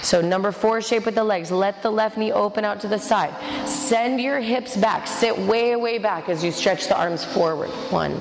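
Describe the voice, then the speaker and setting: A woman's voice: medium pitch, moderate pace. A woman teaching a yoga class, giving directive step-by-step cues and counting breaths. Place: large echoey indoor studio with a class. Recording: echoey hall with music behind. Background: music.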